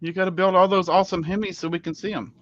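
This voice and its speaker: A man's voice: sits high, steady tone, rapid-fire, fairly bright tone, slight background noise. A man chatting casually, teasing the others dryly and often restarting his sentences. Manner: dry teasing, stumbling restarts. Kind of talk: casual chat. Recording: dull lo-fi sound.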